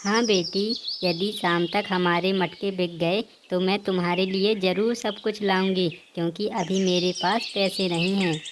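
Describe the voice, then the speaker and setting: A woman's voice: medium pitch, steady tone, unhurried, few pauses, noisy background, lightly acted. A woman voicing a caring, hardworking mother sparrow in a cartoon. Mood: gentle.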